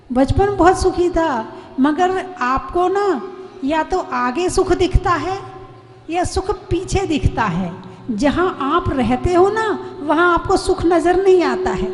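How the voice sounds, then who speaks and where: A woman Jain nun giving a devotional sermon. She tells stories and keeps asking the listeners questions. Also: very high voice. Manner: storytelling, asks the audience questions. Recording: long hall reverb.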